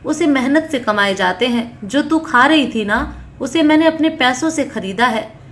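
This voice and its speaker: A woman's voice: sits high, lively intonation, measured pace, a bit bright, a little hiss or hum. A woman reading a harsh scornful son. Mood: angry. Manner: angry, contemptuous.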